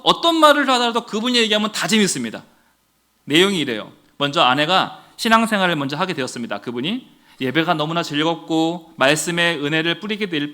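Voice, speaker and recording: A male pastor from Daejeon preaching a sermon, telling stories to his congregation with animated delivery. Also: on the high side. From Daejeon, Korea. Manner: animated storytelling, addressing the congregation.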